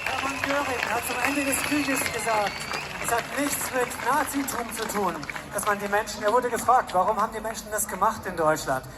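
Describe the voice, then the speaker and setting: A man interpreting a speech at an outdoor rally phrase by phrase, in a brisk, paraphrasing delivery. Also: sits high. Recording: crowd and street noise at outdoor rally.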